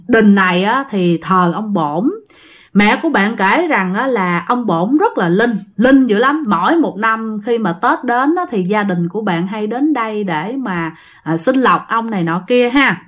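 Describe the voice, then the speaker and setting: A woman, the channel's host, telling listener ghost stories in a chatty way and addressing her audience directly. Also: mid-range voice. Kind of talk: casual ghost-story narration.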